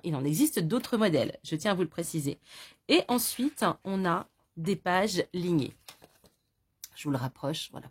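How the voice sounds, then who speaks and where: Woman vlogger, slightly low-pitched, chatty and hesitant with lots of filler, casual product talk. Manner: chatty, many fillers, self-mocking. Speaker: vlogger presenting a notebook.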